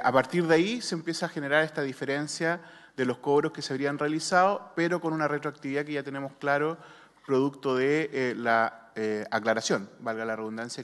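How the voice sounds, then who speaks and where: Chilean official explaining with many pauses. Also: male voice, mid-range voice, fairly bright tone. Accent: Chilean Spanish. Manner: measured, frequent hesitations. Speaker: health superintendent. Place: senate committee room. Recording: long reverb in a hall.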